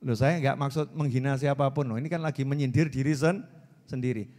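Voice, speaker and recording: A man in his forties with a Javanese accent, giving a lively sermon. He questions his listeners and acts out little dialogues as he talks. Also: mid-range voice, fairly quick. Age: 40s. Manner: animated, acts out dialogue, asks audience questions. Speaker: preacher. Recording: hall reverb.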